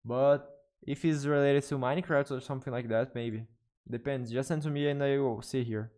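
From an indoor bedroom streaming setup with a desk studio mic and headphones, a young Brazilian man chats casually with his viewers. His English is hesitant and self-correcting, carrying a Brazilian Portuguese accent from his native Portuguese. His mid-range voice is a little mellow, with fairly even intonation at normal speed.

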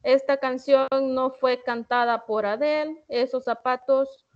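A Salvadoran woman teaches English online in a bright, high voice. She speaks slowly and deliberately and sounds out each example. The audio is dull and lo-fi, like a video call. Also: steady tone. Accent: Salvadoran Spanish. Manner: slow, deliberate, reads English examples carefully. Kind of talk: online class explanation. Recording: muffled online-class audio.

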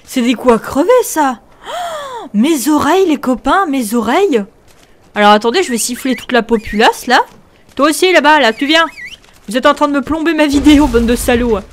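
A young woman hosting a video game, commenting excitably, often shrieking and laughing. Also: high-pitched, normal speed, a little hiss or hum. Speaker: gaming video host.

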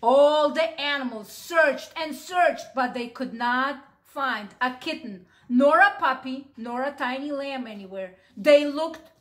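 Female children's teacher, storytime reader, high voice, slow and clear, quizzes the kids. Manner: animated, asks the children questions. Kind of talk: reading a story aloud to children.

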